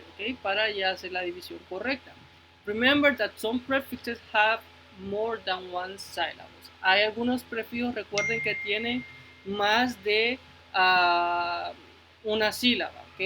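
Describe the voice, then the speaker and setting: A man's voice: high voice, bright, forceful tone, a little hiss or hum, poor audio. A male teacher giving a phonics lesson to children, patiently repeating words and checking in with the class, moving between Spanish and English.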